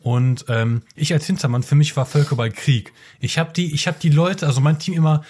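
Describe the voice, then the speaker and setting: A man's voice: on the high side, a little fast, a little mellow, breathy edge. A man in casual chat who stumbles and repeats words as he talks.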